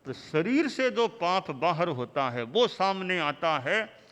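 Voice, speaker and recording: Guy giving a sermon, slow and a bit high, lots of hall echo, short repeated phrases. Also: big pitch swings, a bit bright. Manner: measured, rhythmic lists of short phrases. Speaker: spiritual teacher. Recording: long hall reverb.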